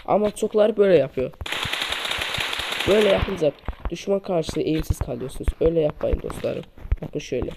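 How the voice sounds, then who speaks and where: A man's voice: animated, brisk, creaky, background noise. A man giving a casual gameplay tutorial on a poor microphone, repeating and demonstrating each tip while calling his viewers friends. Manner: repetitive demonstrative instructions, addresses viewers as friends. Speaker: mobile shooter game tips creator. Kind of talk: casual gameplay tutorial over screen recording. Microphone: poor-quality microphone. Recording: low-quality mic with loud gunfire game sounds. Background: game gunfire and clicks.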